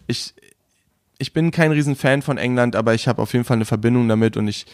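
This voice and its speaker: A man's voice: mid-range voice, fast, no echo, clean studio sound. A young man from Brandenburg, guest on a casual podcast chat, talking in a rambling, hesitant way with many fillers and restarts. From Brandenburg, Germany.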